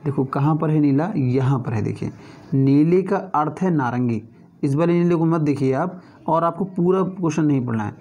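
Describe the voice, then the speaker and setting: A man with a mellow, darker voice leads an exam-prep lesson. He talks through each question in a conversational teaching manner, regularly pausing to check in with his students. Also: a little high, lo-fi sound.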